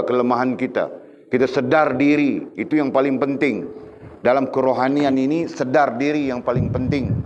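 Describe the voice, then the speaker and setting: A man leads a religious class, prodding his students sternly and questioning them. His voice sits at a middling pitch. The recording is dull and lo-fi, with faint room hiss. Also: darkish tone. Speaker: religious teacher.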